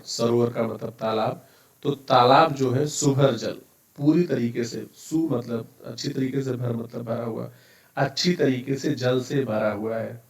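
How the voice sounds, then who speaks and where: A male teacher giving a classroom lecture, explaining each term step by step and restarting words to correct himself. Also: mid-range voice. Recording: roomy, mic at a distance.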